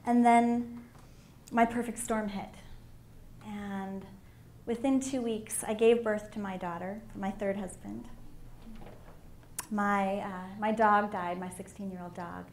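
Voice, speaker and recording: A middle-aged woman giving a candid, animated personal talk as a conference speaker on a stage microphone. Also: medium pitch. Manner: candid and animated, with emphatic swells. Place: conference hall. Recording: echoey hall with faint room noise.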